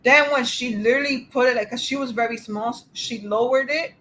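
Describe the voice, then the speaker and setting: Female podcast host, slightly high voice, animated conversational storyteller. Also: a little fast, slight background noise. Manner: animated, acts out dialogue, laughs easily; addresses a live chat.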